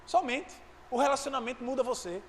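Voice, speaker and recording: A man preaching a sermon, fervent and at times rising to shouts. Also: extremely high pitch, a little fast. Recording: echoey hall with faint noise.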